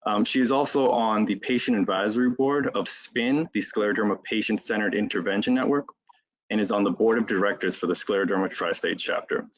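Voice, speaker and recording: A man's voice: lowish voice, highs cut off. A man opening a webinar as its organizer, reading prepared notes with frequent "um"s. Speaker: webinar organizer introducing the panel. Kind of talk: scripted webinar introduction.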